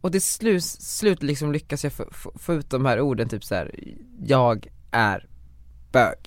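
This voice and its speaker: A man's voice: fairly high pitch, no echo. Young man telling a story, dry sound. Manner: animated storytelling, many fillers. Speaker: guest, author. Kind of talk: casual conversation.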